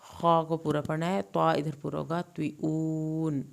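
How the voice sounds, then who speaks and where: A woman teaching Quran recitation rules, reciting each phrase slowly and then explaining it quickly. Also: low voice, flat delivery, creaky. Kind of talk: tajweed recitation lesson.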